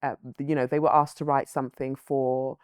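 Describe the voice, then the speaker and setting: This author, appearing as a guest, answers interview questions reflectively in a very deep, flat, darkish and smooth voice with no room sound, captured dry and close. Yoruba is her first language; she was born in Nigeria and grew up in London. She sounds thoughtful and measured, often saying "um" and "you know."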